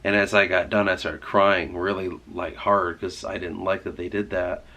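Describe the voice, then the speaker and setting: A man's voice: low voice, flat delivery, normal speed, bright, forceful tone. A man with a stuffy nose and sore throat, rambling and swearing casually in a vlog. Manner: rambling, heavy swearing, many "like"s. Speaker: writer vlogging.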